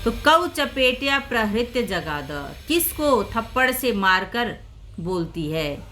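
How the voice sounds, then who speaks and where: A woman's voice: a little high, sing-song, slow pace, sharp tone, a little hiss or hum. A woman teaching a Sanskrit lesson in Hindi, explaining grammar patiently step by step and repeating each example.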